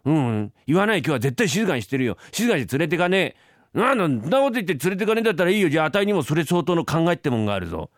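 A man's voice: a little high, sing-song, very fast, dry recording, studio quality, voice pushed up. A man voicing a cheeky, scheming little boy in a rakugo story, impish and wheedling.

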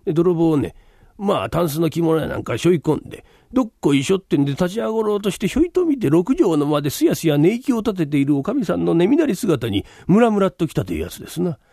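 A man's voice: a little high, sing-song, creaky, dark tone, dry recording, clean studio sound, full character voice. A man doing a polite old landlord. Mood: storytelling. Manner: polite, unhurried, dramatic telling. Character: polite older landlord man, slow storyteller. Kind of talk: rakugo storytelling.

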